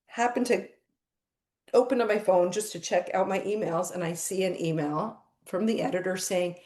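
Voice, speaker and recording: A woman's voice: on the low side, moderate pace, reverberant. A middle-aged woman, a podcast guest, eagerly telling a story in casual chat and acting out the people she quotes. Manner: excitable storytelling, acts out quoted voices.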